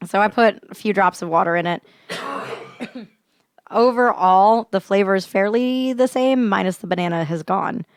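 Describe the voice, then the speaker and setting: A woman's voice: mid-range voice, unhurried, no echo, clean studio sound. A young woman co-hosting a whiskey podcast, chatting casually, blunt and teasing with frequent laughs. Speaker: podcast co-host. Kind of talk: casual chat and whiskey review.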